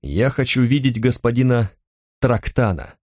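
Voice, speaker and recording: A man's voice: medium pitch, lively intonation, darkish tone, no room sound, clean studio sound. A man voicing a reserved young man who speaks curtly and coldly, in a storybook reading. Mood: guarded. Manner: curt, cold, measured. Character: cold, reserved young man seeking answers.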